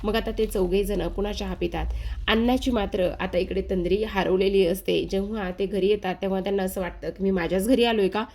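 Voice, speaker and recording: A woman's voice: mid-range voice, fairly even intonation, a little fast, dark tone. A woman narrating a casual recap of a TV serial episode, retelling the scenes in a running present tense and speaking straight to her viewers.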